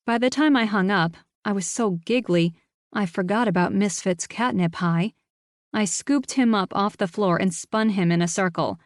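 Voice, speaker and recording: A woman reading a cozy mystery audiobook in the first person, with animated, self-mocking storytelling. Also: mid-range voice, normal speed, no echo, studio quality. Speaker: audiobook narrator.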